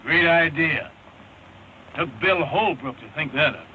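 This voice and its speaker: An actor playing a blunt, plain-spoken cowboy teamster with an American accent in an early 1930s western film. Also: male voice, on the high side, animated, unhurried, bright, forceful tone, full character voice. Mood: sullen. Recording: noisy 1930s film soundtrack.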